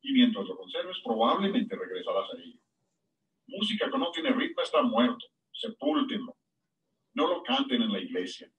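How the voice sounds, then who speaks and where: A man preaches a sermon, his voice leaping up in pitch on the words he stresses. He sounds lively and expressive. He is set back from the mic, so the church room is heard around him. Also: normal speed, recorded from a distance, rough recording. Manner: animated preaching with sudden high-pitched emphasis.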